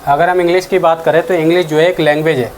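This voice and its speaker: A man's voice: on the high side, fairly even intonation, quick pace, slight background noise. Man teaching grammar, asking his own questions. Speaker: English teacher. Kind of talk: exam-prep grammar lesson.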